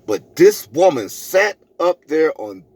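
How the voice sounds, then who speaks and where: A middle-aged vlogger slowly recounts a personal story with big pitch swings in a voice on the high side, slightly mellow, with vocal fry and a breathy edge. He's emphatic and preachy, repeating phrases and acting out both sides of arguments, with no room sound.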